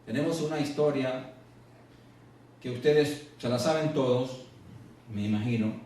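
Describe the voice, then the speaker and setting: A male preacher giving a sermon, slowing and rising in pitch to stress scripture, then dropping low. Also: dark tone, slight background noise. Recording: echoey, distant church radio recording.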